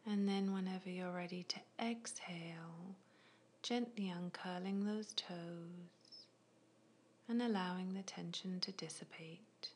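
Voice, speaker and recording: A woman guiding a progressive muscle relaxation in a soft, unvoiced ASMR whisper, with slow, gentle, soothing instructions. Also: on the low side, steady tone, slight background noise. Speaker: relaxation guide.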